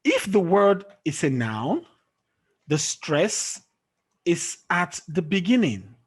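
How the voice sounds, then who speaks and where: Over a video call, a man gives an English pronunciation lesson, often asking "okay?" to make sure his student is following along. His voice is high-pitched, sing-song, slow, and husky.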